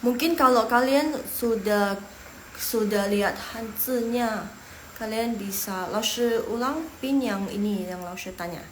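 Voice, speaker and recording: An Indonesian woman giving a casual online Mandarin lesson, chatty and slowly repeating words for pronunciation. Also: a little high. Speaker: Mandarin teacher. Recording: roomy echo with faint room noise.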